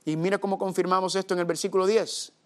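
High-voiced man preaching a sermon. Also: level tone, fast talker. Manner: addresses listeners as "familia", asks rhetorical questions with "¿verdad?". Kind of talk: sermon, Bible study teaching.

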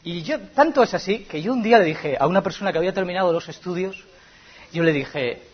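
A male pastor with a Spanish accent from Spain preaches a sermon, asking rhetorical questions and swinging between soft and loud. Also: sits high, expressive, fast. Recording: dull lo-fi recording.

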